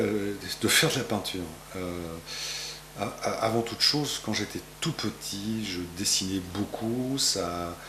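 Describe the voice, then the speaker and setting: Speaking in a lowish, slightly bright voice, this French man in his fifties is a painter fielding interview questions in his gallery. He rambles, restarting often and leaning on fillers, and the indoor recording is roomy with faint hiss or hum.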